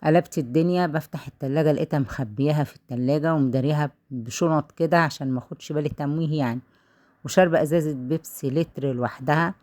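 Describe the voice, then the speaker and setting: An Egyptian woman tells a story in a quick, casual, chatty way, her words tumbling out. Her voice sits low for a woman. She recounts what someone told her and then gives her own advice. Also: a little mellow. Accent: Egyptian Arabic.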